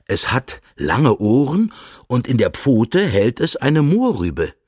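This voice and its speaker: Guy reading a kids story real slow, super lively up and down voice, dry sound. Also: medium pitch, breathy edge, no echo. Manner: slow, gentle, very expressive.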